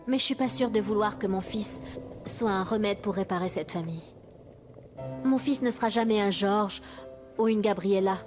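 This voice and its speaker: A woman's voice: mid-range voice, darkish tone, lightly acted. A woman playing a worried expectant mother. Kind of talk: dubbed telenovela acting.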